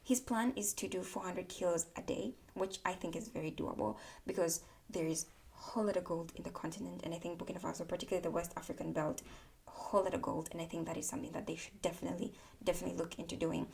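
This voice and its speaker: A woman from Tanzania talks through her political views in a casual monologue to camera. English is her second language, and she leans on repeated words for emphasis. Her voice sits low with a gravelly texture. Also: steady tone, fast, darkish tone. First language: not English. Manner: candid, repeats words for emphasis, self-correcting. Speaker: political commentary vlogger.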